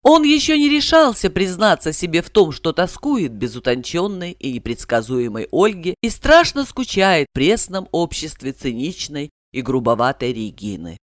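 A woman reads an audiobook novel aloud, her voice rising and falling with animated expression. She gives the narration a dramatic lilt. The sound is close and dry. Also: sits low, moderate pace, hardly any pauses, no echo. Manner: lively, dramatic reading.

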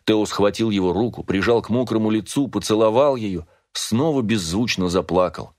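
A man narrating a novel in a measured, dramatic storytelling manner, close to the mic. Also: on the low side, darkish tone, dry recording. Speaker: audiobook narrator.

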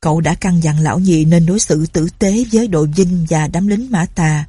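A woman narrating a story in a calm, even reading voice. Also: fairly low pitch, normal speed, husky, no echo.

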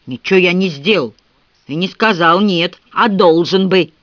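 A man doing a gruff surly old peasant. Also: sits high, moderate pace, fairly bright tone, no echo. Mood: grumbling. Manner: gruff, grumbling. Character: surly old rustic man with a wooden leg. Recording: dull, dry lo-fi recording.

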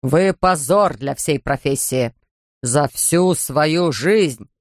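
A man voicing a pompous older male surgeon, gruff and sarcastic. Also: a little high, lively intonation, slow, no room sound, clean studio sound, voice pushed down.

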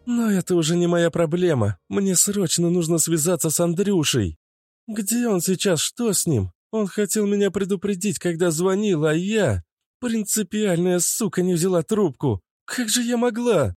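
A man reading an audiobook aloud with brisk, expressive storytelling. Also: high-pitched, no room sound, clean studio sound. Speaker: audiobook narrator.

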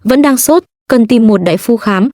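A woman voicing a gentle young nobleman in disguise. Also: a little high, animated, moderate pace, no echo, close to an everyday voice. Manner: soft, soothing.

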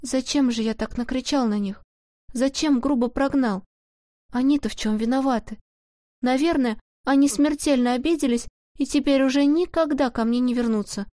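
A woman voicing an upset young boy who ends up shouting in anger. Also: normal speed, no echo, clean studio sound, lightly acted. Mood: regretful. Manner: high, strained, shouting. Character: upset young boy, stubborn then tearful.

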